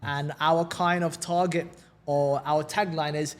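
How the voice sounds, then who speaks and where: Unhurried and level in tone, a slightly high-voiced man from London speaks as a casual podcast interview guest. His manner is upbeat and chatty, his accent London English, and he frequently repeats words as he launches into a sentence.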